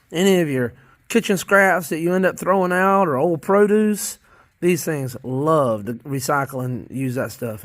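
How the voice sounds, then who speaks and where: Rambling Southern man, lively high voice. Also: no echo. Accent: Southern American. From Southern United States. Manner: rambling, folksy, talks to viewers as y'all; repeats phrases, restarts often. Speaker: worm farmer vlogger. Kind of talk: casual vlog chat to viewers.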